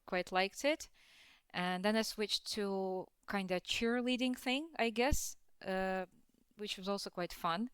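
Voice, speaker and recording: A woman's voice: mid-range voice, smooth, no echo. A young adult woman from Russia, a dance teacher and podcast guest, talking in a hesitant way with many fillers and frequent laughs. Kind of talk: casual podcast interview.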